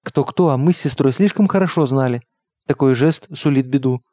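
A man reading an audiobook in steady, measured narration. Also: mid-range voice, dry recording, studio quality. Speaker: audiobook reader. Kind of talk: scripted narration.

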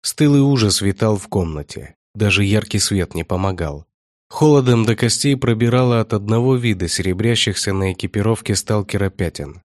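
Low-voiced man narrating an audiobook. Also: moderate pace, no room sound, studio quality.

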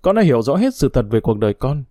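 A man's voice: medium pitch, very animated, fast, warm tone, no room sound, clean studio sound. A man reading as a distressed young daughter. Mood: earnest. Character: grieving young woman, daughter, earnest.

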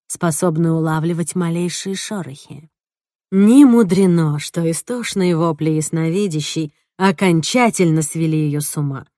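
Low-voiced woman reading an audiobook. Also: mellow, no room sound, clean studio sound. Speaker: audiobook narrator. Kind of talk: first-person audiobook narration.

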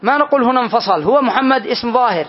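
High-voiced man teaching grammar. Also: animated, rapid-fire, slightly rough. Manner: explains step by step, asks the class questions. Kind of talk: classroom grammar lesson. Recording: dull lo-fi lesson recording.

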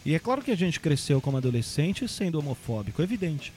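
A man's voice: fairly high pitch, very animated, fast, a little mellow. A man, hosting a casual podcast chat and telling joking, reflective stories about his youth. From São Paulo, Brazil. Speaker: podcast host.

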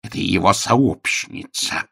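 A man reading an audiobook plays a jumpy, suspicious young gentleman who talks in an insistent, agitated way. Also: lowish voice, sing-song, moderate pace, gravelly, slightly rough, dry recording, studio quality, exaggerated voice. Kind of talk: audiobook character voice.

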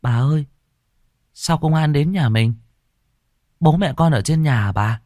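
A man's voice: on the high side, a little slow, darkish tone, no room sound, clean studio sound, pitched above the performer's own voice, lightly acted. A man voicing a timid, frightened young child who pleads in a raised, childlike voice. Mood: puzzled.

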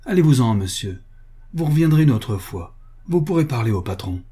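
A man voicing a sturdy, gruff young workman with a hoarse voice, curt and dismissive. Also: mid-range voice, sing-song, normal speed, dark tone.

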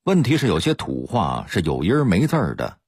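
A man's voice: deep voice, wildly swooping pitch, fairly quick, darkish tone, husky, dry recording, studio quality. A man giving an explanatory radio talk as presenter, lecturing and demonstrating dialect pronunciations.

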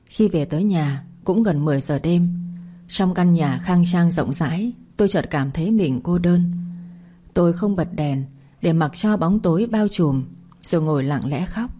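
Woman storyteller for bedtime reading, breathy and warm, low voice. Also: moderate pace. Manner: soft, steady first-person narration.

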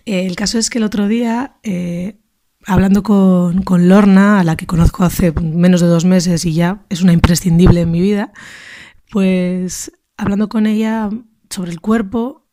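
Speaking a little slowly with fairly even intonation, this warm, low-leaning voice belongs to a feminist radio show contributor in her early thirties. Originally from the Basque Country, she carries a northern Spanish accent and reflects on personal matters informally, in a hesitant, thoughtful manner.

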